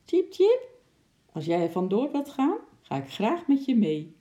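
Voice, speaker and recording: A woman voicing a small, timid male squirrel in a storybook, with a high, squeaky, chirping voice. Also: big pitch swings, measured pace, dark tone. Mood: eager.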